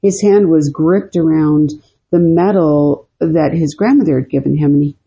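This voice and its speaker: Husky low-voiced woman telling stories. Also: normal speed, dark tone, highs cut off. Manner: rambling, with many fillers and restarts. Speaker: podcast co-host. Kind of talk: casual storytelling chat.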